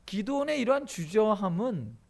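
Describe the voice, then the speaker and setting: A man's voice: sits high, sing-song, moderate pace, darkish tone. A male pastor preaching a sermon. He poses dramatic questions and acts out quoted dialogue.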